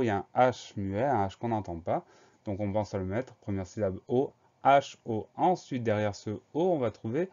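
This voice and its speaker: A man's voice: lowish voice, warm tone. A man giving a spelling dictation lesson, patiently spelling out each word letter by letter. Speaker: spelling teacher. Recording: dull lo-fi recording.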